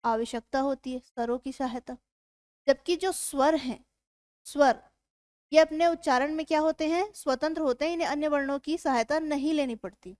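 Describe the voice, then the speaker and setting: A woman gives an exam-prep grammar lesson, putting questions to her students and answering them herself while slowly sounding out letters. Her voice is high and a little mellow. The studio recording is clean with no room sound.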